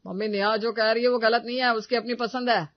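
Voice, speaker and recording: Give me a woman playing a selfish grown son, dismissive and loud, muffled lo-fi sound. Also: fairly high pitch, steady tone, fast talker, no echo, voice pushed up, natural voice. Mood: curt. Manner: curt and dismissive. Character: grown son, selfish and cold to his parents.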